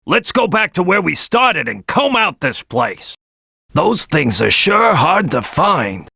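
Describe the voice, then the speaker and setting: A man's voice: sits high, sing-song, takes it slowly, creaky, sharp tone, slightly rough, no echo, studio quality, heavily acted. A man voicing a brash, bossy crocodile detective in a video game, boisterous and cocky, with a streetwise, barking delivery. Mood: watchful, bossy. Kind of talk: animated video game character acting.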